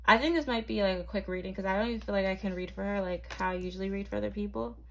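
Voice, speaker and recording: A woman's voice: mid-range voice, rapid-fire, vocal fry, fairly bright tone. A young woman from Barbados, reading tarot cards to camera in a chatty, hesitant way full of ums and likes. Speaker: tarot reader.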